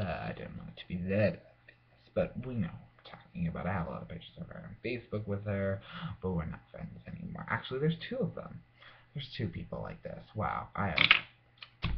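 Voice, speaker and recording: A young man in a casual, rambling rant, sounding tipsy and drawing out his words, recorded indoors at home. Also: fairly low pitch. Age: young adult. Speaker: vlogger. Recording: muffled lo-fi home recording, clear background noise.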